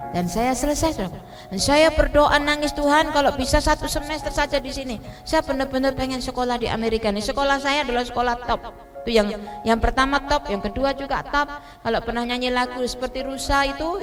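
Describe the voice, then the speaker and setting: A woman's voice: a little high, brisk, over music. A woman from Indonesia preaching a testimony sermon in church, switching between Indonesian and English and translating herself, often asking her listeners if they understand. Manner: addresses listeners directly, checks they understand.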